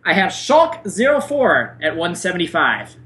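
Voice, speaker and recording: A man's voice: high-pitched, huge pitch swings, normal speed, fairly bright tone. A man co-hosting a podcast in casual chat, explaining his picks enthusiastically and bluntly. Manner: enthusiastic, blunt, swears when worked up. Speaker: podcast co-host.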